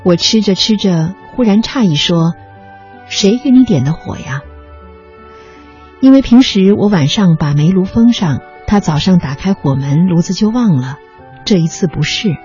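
A narrator calmly reading a memoir aloud, in a measured storytelling manner. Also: medium pitch. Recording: slightly muffled recording with faint music.

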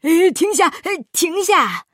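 A woman's voice: on the high side, animated, a little slow, no room sound, clean studio sound. A woman voicing a pompous, bullying middle-aged male magistrate in a storybook reading, blustering and stammering. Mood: bossy. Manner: blustering, shouting, stammering in panic.

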